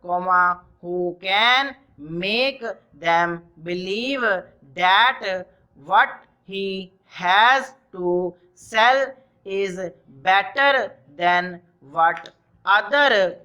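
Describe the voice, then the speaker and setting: A person dictating a text for a practice exercise, reading in short measured chunks and speaking the punctuation aloud. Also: medium pitch, bright, forceful tone, smooth, poor audio. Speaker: dictation reader.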